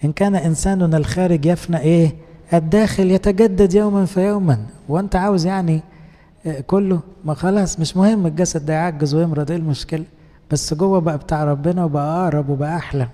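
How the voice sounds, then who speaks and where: An Egyptian priest preaches in a relaxed, colloquial way, coaxing his listeners with rhetorical questions. His voice sits a little high but sounds mellow and dark. A long church reverb trails after each phrase. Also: fast talker. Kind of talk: conversational sermon.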